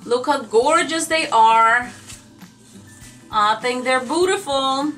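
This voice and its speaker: Woman doing a chatty craft haul vlog, crisp bright voice, keeps saying you guys, light music behind. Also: sits high, slow pace. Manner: gushing, chatty, addresses viewers as "you guys". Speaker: craft vlogger showing a shopping haul. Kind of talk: casual chat to camera.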